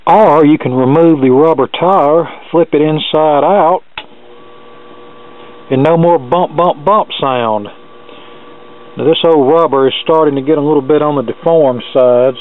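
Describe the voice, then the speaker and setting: A hobbyist repairer demonstrates a hands-on fix in a cluttered indoor electronics workshop, explaining it in a casual, matter-of-fact way with dry humor. His voice is fairly high. Captured on a camera mic, the audio sounds muffled and narrow, like a phone.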